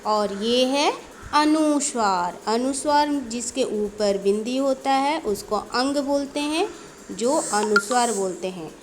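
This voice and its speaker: A woman teaching young children a lesson, speaking slowly, repeating each word and mixing in English terms. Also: on the high side, a little hiss or hum. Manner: slow, repeats words and mixes in English.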